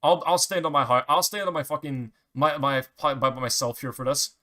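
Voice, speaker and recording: Ranting, profane young man with a bright voice. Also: mid-range voice, fairly even intonation, brisk. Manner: profane, rambling rant with many restarts. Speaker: vlogger. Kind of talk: casual ranting monologue.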